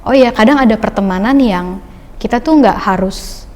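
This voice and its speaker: A woman's voice: a little high, normal speed, mellow, in a large hall. A young woman guest speaking in a chatty, loose storytelling way with many fillers, giving a casual personal testimony on a podcast.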